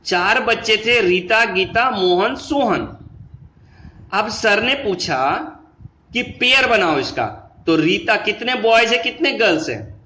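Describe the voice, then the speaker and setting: Bright-voiced male teacher in an echoey room. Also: high voice, expressive. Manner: explains patiently, mixing Hindi and English, calls students "beta"; slows down and stretches words when reading English lines. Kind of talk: classroom lesson explanation.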